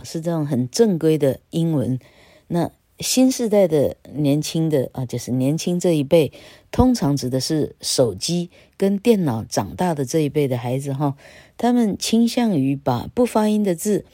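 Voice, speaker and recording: A woman gives a casual English lesson, chatty and wandering off topic, tagging phrases with "ha" and spelling words out slowly. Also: sits low, dark tone, dry recording, clean studio sound. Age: 60s. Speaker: English teacher.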